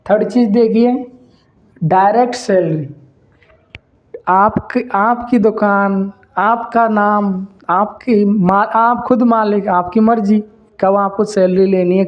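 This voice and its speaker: This man's voice sits high, and the recording has its highs cut off. Hosting his own channel, he talks viewers through business ideas in a casual, to-camera lecture, hammering points repeatedly and calling them brother.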